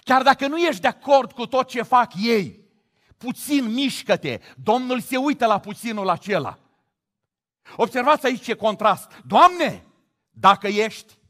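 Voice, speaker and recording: A middle-aged man from Romania preaching a sermon, moving from quiet reflection to loud exclamations. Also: extremely high pitch. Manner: animated, swings from hushed to loud exclamations.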